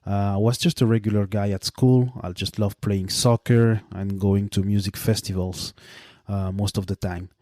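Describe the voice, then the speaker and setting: A man in his late thirties from Belgium, a native French speaker with a Belgian French accent, hosting a solo podcast in a measured way with frequent fillers and restarts. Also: lowish voice, fairly even intonation, mellow, no echo, clean studio sound. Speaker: podcast host.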